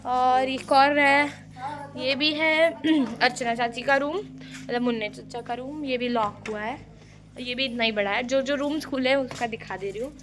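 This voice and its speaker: A woman's voice: high-pitched, a little slow. A young woman vlogging a casual home tour, chatting playfully to viewers while she walks through a family house. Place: family house, indoors and courtyard. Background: family members talking around her.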